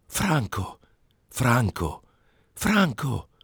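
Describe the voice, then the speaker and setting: A man reading a story and voicing a female sea siren who calls and coaxes in a hushed, high voice. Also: big pitch swings, takes it slowly, slightly rough, no room sound, studio quality, exaggerated voice. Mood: calling. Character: seductive female sea siren calling from the water.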